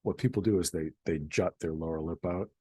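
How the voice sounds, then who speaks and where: A man from the Boston area with an American accent, talking casually and haltingly to camera as he explains something. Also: low voice, dark tone, breathy edge, no room sound, clean studio sound. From Boston area, United States. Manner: halting, repeats words, chuckling. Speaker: vlogger explaining regional accent.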